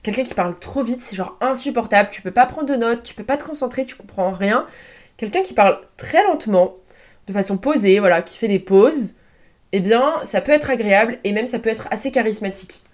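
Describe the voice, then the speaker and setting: A woman's voice: a little high, lively intonation, fairly quick, a little mellow. A young woman hosting her own podcast, talking casually and informally with slang and plenty of fillers. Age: young adult. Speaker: podcast host. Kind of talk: casual solo podcast talk. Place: room at home, seated on a chair.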